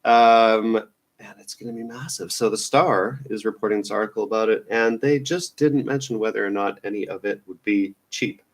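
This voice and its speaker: A man's voice: fairly low pitch, moderate pace. Rambling man reading the news. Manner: rambling, offhand, many fillers and restarts. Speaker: news show host. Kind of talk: casual news roundup commentary.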